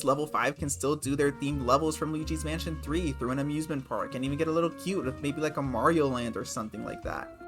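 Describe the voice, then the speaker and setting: Man, casual gaming commentary, sarcastic, swears freely, faint music behind. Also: mid-range voice. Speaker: gaming video creator.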